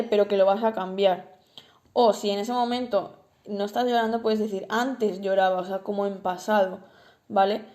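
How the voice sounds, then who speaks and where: A woman from Spain speaks in a Spanish accent at a middle pitch. She hosts a relationship-advice podcast and explains step by step, working through everyday examples and pausing on filler sounds. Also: mellow. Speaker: podcast host.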